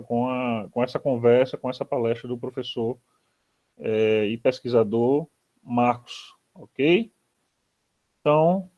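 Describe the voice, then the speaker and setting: A man's voice: medium pitch, darkish tone. A man with a Brazilian accent moderating an online academic interview, hesitant with many fillers. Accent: Brazilian Portuguese. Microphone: video call. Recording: dull lo-fi video call audio.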